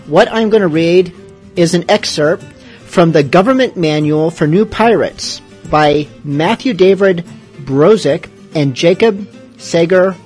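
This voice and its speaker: A man's voice: high voice, a little mellow. A man hosting a podcast, chatting casually with rambling, self-deprecating asides. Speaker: podcast host. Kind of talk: casual radio-show chat.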